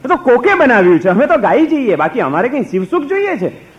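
A flustered male devotee in a hurry , put on by a man, protesting nervously in a high, straining voice. He talks fast and keeps pleading to be let go. The sound is dull and muffled. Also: very animated.

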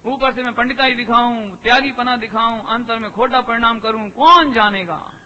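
High, bright-voiced male preacher in a hall. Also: normal speed. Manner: rhetorical questions to the audience; repeats phrases for emphasis. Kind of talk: sermon. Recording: long hall reverb, dull lo-fi sound.

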